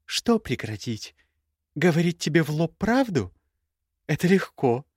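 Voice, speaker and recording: Rich: An icy young sorceress, as a male reader puts her on, scornful and mocking, her voice pitched high and swinging widely as she cuts her former lover down. The recording is dry and close, with no room sound. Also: lively intonation, normal speed, a little mellow, dry recording, lightly acted. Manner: cutting, mocking, icy sarcasm. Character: sharp-tongued sarcastic young woman mage. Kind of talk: audiobook character voice.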